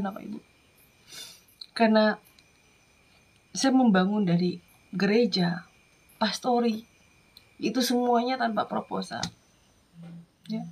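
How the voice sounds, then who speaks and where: A woman from Madura, an evangelist, giving an earnest, emotional testimony that often drops into soft whispers. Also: a little high. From Madura, Indonesia.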